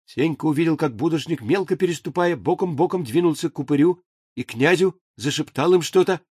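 A man narrating an audiobook in a measured, even storytelling manner. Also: on the high side, breathy edge, no room sound. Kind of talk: scripted narration. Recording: dry booth recording.

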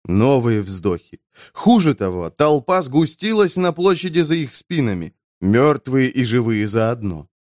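Expressive male fantasy audiobook narrator. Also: medium pitch, measured pace, no echo, clean studio sound. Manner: expressive storytelling.

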